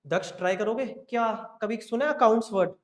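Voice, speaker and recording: A man's voice: high voice, fast. A man teaching an accounting class, talking students through the basics and often checking that they follow. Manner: coaxing, keeps checking in with students. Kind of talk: classroom lecture. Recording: roomy echo.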